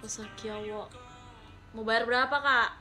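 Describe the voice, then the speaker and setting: A woman's voice: fairly high pitch, fairly even intonation, a little slow, pushed and bright, faint music behind. A young woman streaming live, chatting playfully with viewers and reading their messages, with English words mixed into her talk. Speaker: livestreamer reading viewer chat. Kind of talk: casual live-stream chat.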